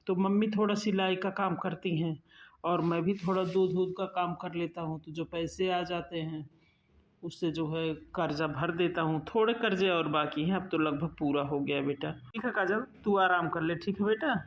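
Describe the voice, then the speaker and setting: A hardworking older farmer father in a cartoon talks calmly and lovingly, voiced by a man. The sound is muffled, with faint noise behind. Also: fairly high pitch, normal speed, lightly acted. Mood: caring. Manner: calm, explaining.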